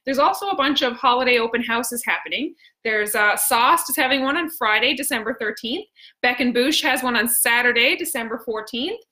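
A woman's voice: on the high side, a little fast, sharp tone. A woman with a Newfoundland accent hosting a casual live stream, chatty and exclamatory, with plenty of slang. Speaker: host.

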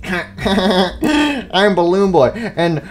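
Man voicing Balloon Boy, cheeky high-pitched robot kid. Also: very animated, drawn-out words, soft background music, heavily acted. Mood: innocent, dismissive. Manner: innocent, childish, bluntly dismissive. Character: cheeky little animatronic boy playing hide and seek.

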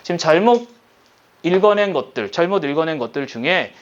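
A man teaches a recorded lesson in a fairly high, lively voice that swings up and down. He keeps checking in with quick questions as he works through a problem step by step. The recording sounds dull and lo-fi. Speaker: high school Korean teacher.

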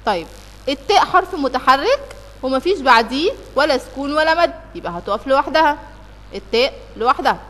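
A high, bright-voiced woman teaching with an Egyptian Arabic accent, guiding a review lesson for children one step at a time. She keeps putting questions to the class and then answering them, and she draws out verses when reciting. Her voice carries a long reverb, as if in a hard-walled room. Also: lively intonation. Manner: recites verses in a slow, drawn-out way.

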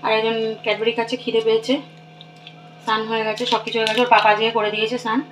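Hoarse woman vlogger, worn-out chatty delivery, fairly high voice with little melody, noisy home recording. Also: monotone, fast. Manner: tired, low-energy chatter. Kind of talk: casual home vlog.

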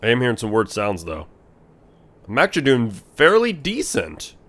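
A man's voice: medium pitch, moderate pace. A young man hosting a horror game let's play, talking nervously to the game characters as he plays. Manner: animated, talks to the game characters, nervous muttering. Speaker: gaming channel host.

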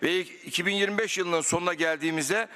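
Formal male politician, bright voice. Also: high voice, quick pace. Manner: formal, reciting figures. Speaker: party group deputy chair. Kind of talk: parliamentary floor speech. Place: parliament general assembly hall. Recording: long reverb of a large chamber.

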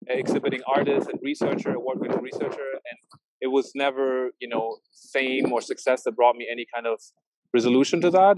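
A Norwegian-German tech founder in his thirties joins a casual interview as a guest over a video call, speaking outdoors at a marina. His mid-range voice has a darkish tone, and he comes across hesitantly, with lots of fillers and restarts. The recording is dry and low in quality.

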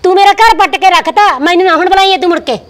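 A woman's voice: high-pitched, fast, close to an everyday voice. An actress with a Malwa Punjabi accent plays Sukhpal, a married daughter thrown out by her husband, who pleads and argues defensively in a village short film. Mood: angry. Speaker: actor.

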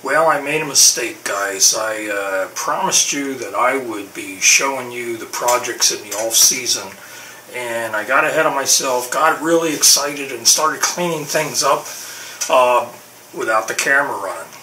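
A man's voice: mid-range voice, measured pace, a little hiss or hum, poor audio. Rambling middle-aged man in a workshop. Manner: relaxed, rambling with frequent fillers and restarts. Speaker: boat owner vlogger. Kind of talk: casual workshop how-to vlog. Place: home workshop garage, indoors.

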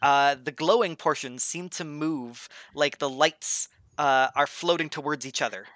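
Man, game master, hesitant narration, bright tone, dry close mic. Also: a little high, unhurried, dry recording. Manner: hesitant, many ums.

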